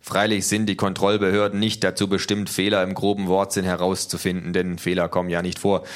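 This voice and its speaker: A pompous senior male bureaucrat, as a man reads him, delivers in a deep, formal and officious voice. He is cold and sure of the rules in a spoken storybook. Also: completely flat delivery, a little fast, lightly acted.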